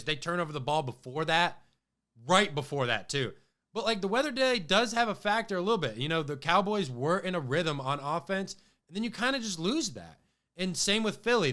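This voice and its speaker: On his casual sports podcast, the host speaks in a fairly high, bright, forceful voice that a cold has made slightly off. His talk wanders, with lots of fillers and restarts.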